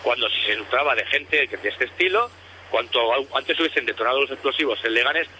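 Bright-voiced caller on a phone line. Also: male voice, medium pitch, animated, a little hiss or hum. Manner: halting, stacks up details with many restarts. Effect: heard over a phone line. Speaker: radio show caller. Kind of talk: call-in conspiracy talk.

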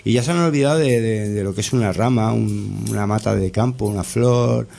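A man telling casual stories in an interview, rambling and halting, with many restarts and tag questions. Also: fairly low pitch, gravelly, mellow, faint music behind. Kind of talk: casual storytelling.

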